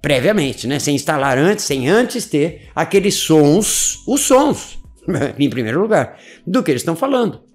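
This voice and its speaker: A man teaching English in an informal video lecture, animated and full of rhetorical questions. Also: on the high side, measured pace, soft background music. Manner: animated, asks rhetorical questions, chuckles often.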